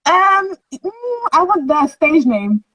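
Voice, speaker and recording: A woman with a high voice hosts a relaxed online interview. She keeps it upbeat, laughs often and coaxes her audience to chime in. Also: slow pace, rough recording. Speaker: host.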